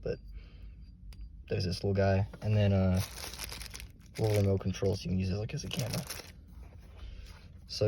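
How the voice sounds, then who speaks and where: A man's voice: lowish voice, gravelly, warm tone, slight background noise. A man chatting casually to his phone camera as an amateur vlogger.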